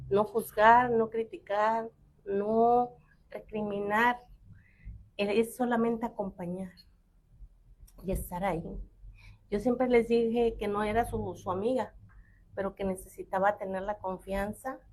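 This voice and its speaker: A middle-aged woman on a talk show panel, telling a family story and acting out the quoted dialogue. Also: fairly high pitch. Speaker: panel guest.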